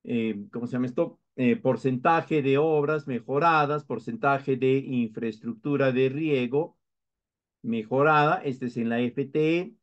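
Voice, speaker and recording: The lecture comes from a male instructor with a Peruvian Spanish accent whose mid-range voice moves a little slowly. He builds each explanation step by step, with many hesitations and restarts, and the lo-fi recording is dull.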